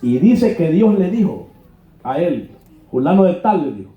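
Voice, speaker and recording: A man with a high voice delivers a sermon from the pulpit, colloquial and mocking as he acts out what others said. The church is echoey and the recording sounds dull and lo-fi. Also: very animated, moderate pace. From Honduras. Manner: colloquial, mocking preacher who acts out quoted dialogue. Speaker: pastor. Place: church hall.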